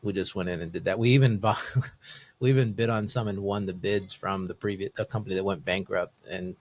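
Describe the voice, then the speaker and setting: A man's voice: low-pitched, fairly even intonation, brisk. A middle-aged man co-hosting a podcast, laid-back and joking. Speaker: podcast co-host. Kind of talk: casual business podcast chat.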